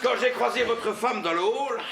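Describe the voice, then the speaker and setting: On a theatre stage, an actor plays a long-winded male charity volunteer in a comedy, chattering insistently, stammering, repeating himself and lecturing in slogans. His voice is very high and creaky at a moderate pace, with echo from the hall and background noise.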